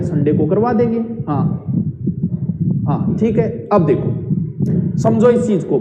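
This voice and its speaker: A man's voice: sits high, warm tone, a little hiss or hum. A man teaching a grammar lesson, explaining step by step and asking the class questions as he goes. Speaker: Hindi teacher. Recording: echoey dull room audio.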